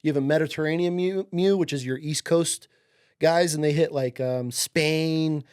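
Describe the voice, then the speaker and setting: Here the upstate New York Marine veteran, a man in his late thirties, sounds somewhat high-pitched, clear and resonant, a little mellow, at a moderate pace. Guesting on a podcast, he spins easygoing stories in interview form, full of swearing and frequent "dude" and "like."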